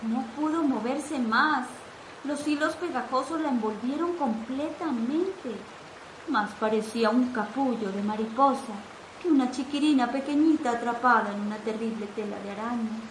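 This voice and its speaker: A woman narrating a storybook tale in an expressive, animated reading, in an echoey room. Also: fairly high pitch, moderate pace, slight background noise. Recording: echoey room with faint ambience.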